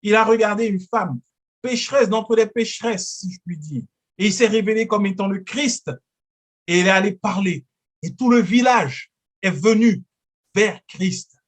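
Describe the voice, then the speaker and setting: A male pastor delivering a sermon in a high, light register. He preaches earnestly and slips into short acted prayers and exchanges to make his point. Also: normal speed.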